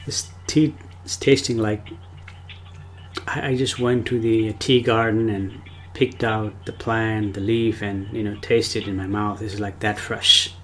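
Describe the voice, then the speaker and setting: A man's voice: lowish voice, level tone, measured pace, fairly bright tone, a little hiss or hum. A man from Nepal, a spiritual teacher giving a rambling, casual livestream talk and often speaking of himself in the third person.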